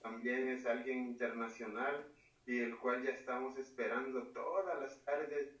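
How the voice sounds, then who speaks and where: A man's voice: mid-range voice, fairly even intonation, measured pace, a bit bright. Man giving a blessing, echoey and distant. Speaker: guest church brother.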